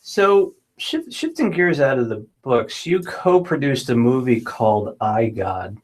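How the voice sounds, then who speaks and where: A man's voice: medium pitch, big pitch swings, a little slow. A male talk show host with an everyday mid-range voice. He asks his guest questions in a friendly way, sometimes stumbling over his words. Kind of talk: casual radio interview.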